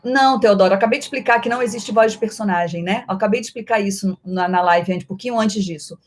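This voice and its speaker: A middle-aged Brazilian voice actress answers viewer questions in a playful live-stream chat, speaking fast in a mid-range voice with a Brazilian Portuguese accent. Her loudness and speed shift often.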